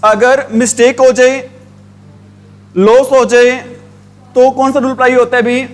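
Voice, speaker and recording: In a classroom grammar lesson given in Hindi, a man with an extremely high voice and little pitch movement teaches English grammar. He uses repetitive call-and-response questioning, asking the same questions again and again and drawing out the words he spells, while faint music plays behind him.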